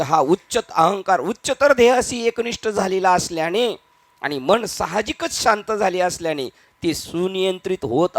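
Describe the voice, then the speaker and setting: Animated high-voiced preacher. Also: male voice, no echo. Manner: animated, acting out quoted voices, rhetorical questions. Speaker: kirtan preacher. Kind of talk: devotional discourse.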